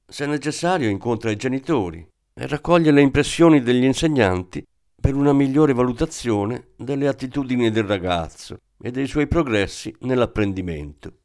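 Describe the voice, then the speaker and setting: A man reading the lines of a brisk, matter-of-fact middle-aged woman school tutor in an audiobook. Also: mid-range voice, darkish tone, pitched above the performer's own voice, close to an everyday voice.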